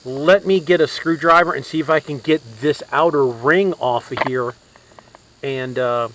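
Working on a casual repair outdoors in a yard, a DIY mechanic thinks aloud through fillers and restarts while a head-mounted camera records him. His voice is a little high, fairly bright, and unhurried. Crickets and insects sound in the background, along with a little hiss or hum.

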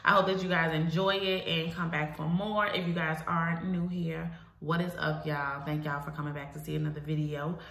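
Speaking at a moderate pace with hardly any pauses, this young adult woman has a deep voice with little pitch movement and a slightly bright quality. Congested from a head cold, she sounds nasal as she talks informally and emphatically to camera as a hair vlogger, addressing her viewers directly. The recording comes from a small home room and has an echoing, roomy feel.

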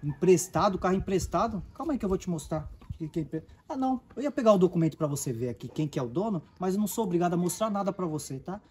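A man's voice: high-pitched, animated, fast, few pauses, darkish tone, a little hiss or hum. A man with a Brazilian accent playing a humble, patient man who lectures a rude girl in an amateur skit. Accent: Brazilian Portuguese. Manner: patient, moralizing. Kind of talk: amateur comedy skit acting.

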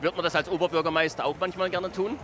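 A man's voice: high-pitched, fairly even intonation, quick pace, a bit bright, faint music behind. A middle-aged man hosting a live panel talk on a handheld microphone in a beer tent. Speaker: TV talk show host. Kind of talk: lively live panel moderation. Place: busy festival beer tent. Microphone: handheld reporter microphone. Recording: background noise of a busy tent.

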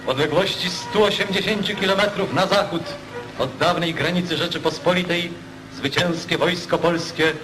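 A man's voice: sits high, moderate pace, low-quality recording. A man giving stirring, declamatory narration over an old newsreel soundtrack. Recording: newsreel voice over loud music.

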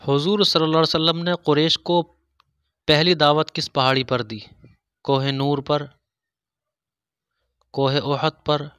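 A man reading religious quiz questions, pausing over each option before he gives the answer. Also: on the high side, flat delivery, a bit bright, smooth, no room sound, studio quality. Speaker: quiz host. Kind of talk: scripted quiz narration.

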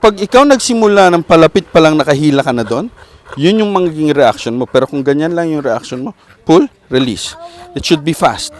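A man with a Filipino accent, a dog trainer coaching an owner outdoors with calm, repeated short commands. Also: on the high side, brisk.

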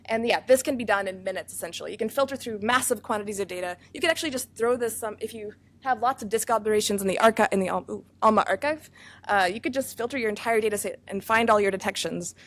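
A woman scientist giving a conference research talk, explaining fast and earnestly, with many fillers and self-corrections, over a microphone in a room with speakers. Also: medium pitch. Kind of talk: academic conference presentation. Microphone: microphone feeding room speakers.

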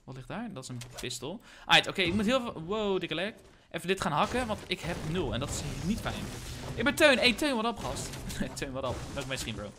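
Hyped young streamer, lively bright voice. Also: male voice, sits high, brisk, a little hiss or hum. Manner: excitable, hyped, shouts at big moments, slangy. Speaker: gaming streamer. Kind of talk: live game stream commentary.

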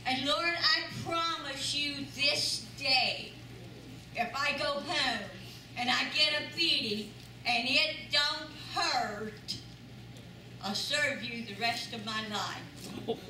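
Her voice high-pitched, pushed and bright, an older church member speaks slowly as she testifies earnestly and emphatically, repeating phrases to give them weight. The setting is a large sanctuary with an audience, recorded noisily with echo and from a distance.

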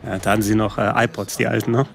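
Low, gravelly-voiced man chatting casually. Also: flat delivery, quick pace. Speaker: panelist on a games show. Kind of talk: casual chat.

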